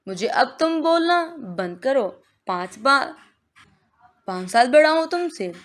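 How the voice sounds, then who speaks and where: A playful young man who teases his girlfriend and then soothes her, read by a woman narrator. The voice sits a little lower than her own bright register, with an even storybook delivery. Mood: bossy fond. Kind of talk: storybook reading.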